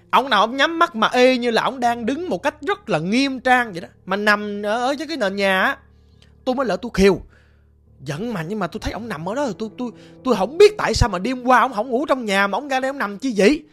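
A woman's voice: a little high, animated, fairly quick, a bit bright, faint music behind. Southern Vietnamese woman telling a ghost story. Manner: rambling, emphatic, stammers with repeated words. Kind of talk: casual spoken ghost story.

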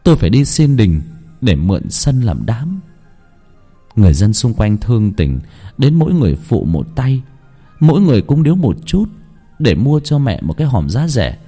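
Male storyteller, dramatic first-person horror narration, husky, mellow low voice, faint music behind. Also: very animated, moderate pace.

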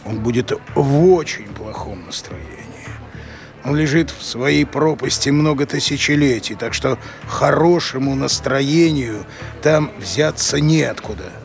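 A man playing an ancient, grave undead master in an audio drama, speaking in a measured, ominous way. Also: mid-range voice, expressive, creaky, faint music behind.

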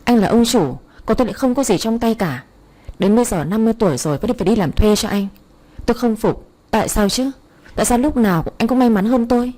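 A woman's voice: fairly high pitch, fast, warm tone, close to an everyday voice. Woman doing a gloating scheming man in his fifties. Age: 50s. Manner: gloating, taunting. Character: scheming middle-aged man, gloating villain.

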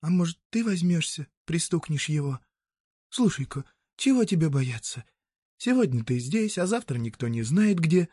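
A man voicing a young peasant woman who coaxes and pleads in a hushed, urgent way. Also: a little high, very animated, normal speed, no echo, pitched above the performer's own voice. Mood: pleading, urging. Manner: pleading, coaxing whisper.

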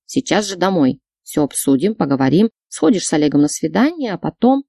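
A woman's voice: on the low side, very animated, brisk, vocal fry, dark tone, no room sound, studio quality, exaggerated voice. A woman voicing a nagging, manipulative middle-aged mother who scolds and reproaches her daughter. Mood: scolding.

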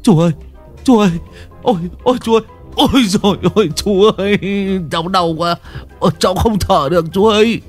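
A man's voice: a little fast, faint music behind, natural voice. A man voicing a scrawny, panicky young man who wails and pleads. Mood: panicked wailing. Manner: wailing, high-pitched pleading.

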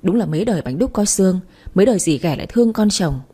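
A woman's voice: fairly low pitch, animated, fast, dark tone, slightly rough. A woman voicing a doting old grandmother who scolds fiercely to defend her grandchild, in a spoken story. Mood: scolding.

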